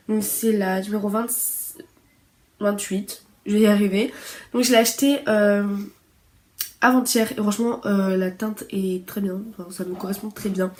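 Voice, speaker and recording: Brief: young woman, slightly high voice, chatty beauty vlogger, casual filler-heavy tutorial at home. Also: darkish tone. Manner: chatty, many fillers, informal slang.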